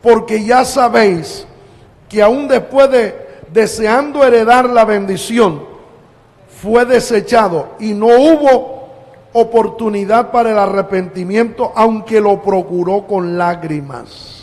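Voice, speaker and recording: Male pastor preaching in a church, slow and high-pitched, long hall echo. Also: darkish tone. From Colombia. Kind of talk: sermon.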